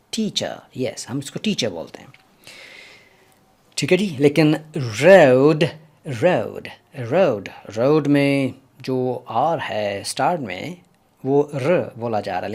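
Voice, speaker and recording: A man teaching English pronunciation, who says each sound slowly and repeats it several times for his learners. He speaks politely and encourages them to listen closely. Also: a little high, a little mellow. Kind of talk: explanatory language lesson.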